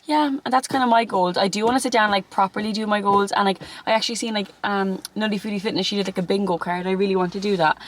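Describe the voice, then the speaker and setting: A woman's voice: mid-range voice, steady tone, fast talker, few pauses, low-quality recording. A young Irish woman in her twenties chatting casually on her own channel, bubbly and rambling with lots of fillers. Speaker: YouTuber. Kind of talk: casual chat.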